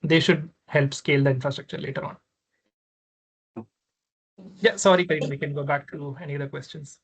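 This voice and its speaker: A man's voice: on the high side, fairly even intonation, normal speed, gravelly, slight background noise. Guy answering on a conference panel, lots of uhs, keeps restarting lines. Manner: hesitant, many fillers and restarts. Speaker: panel speaker on impact investing.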